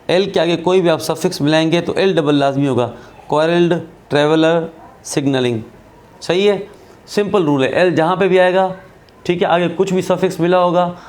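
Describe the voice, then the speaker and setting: A man teaching English spelling rules in a recorded lesson, patient and repetitive, often checking in with his viewers. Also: fairly high pitch. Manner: patient, repeats points, checks in with "theek hai".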